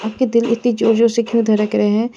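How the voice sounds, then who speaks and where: Here is an anxious, innocent young woman, put on by a storyteller, pleading and fretful, pitched a little high with a dark, mellow tone. Her voice has a flat, even lilt and sits in a dull lo-fi storybook recording. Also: fast talker, a little hiss or hum, lightly acted. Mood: worried.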